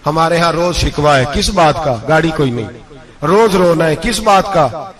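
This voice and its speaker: A man's voice: fairly bright tone, poor audio. A man preaching a sermon, telling a moral story in an emotive style that rises to impassioned outbursts. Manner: emotive, rising to impassioned high pitch.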